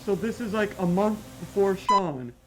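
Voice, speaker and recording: A young man reacting to a creepy video, easily spooked and breaking into high shouts. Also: normal speed, a little hiss or hum. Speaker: reaction streamer. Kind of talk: reaction commentary.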